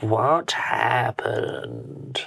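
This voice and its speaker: A man putting on a spooky ghost voice, drawing each word out very slowly, to read a podcast question. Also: medium pitch, wildly swooping pitch, vocal fry, bright, forceful tone, husky, full character voice. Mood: eerie. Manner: very slow drawn-out spooky voice. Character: spooky slow-drawling male ghost narrator. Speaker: podcast co-host.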